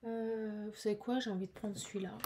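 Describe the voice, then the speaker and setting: A woman giving a casual, chatty tarot card reading, animated and full of fillers. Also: mid-range voice, brisk.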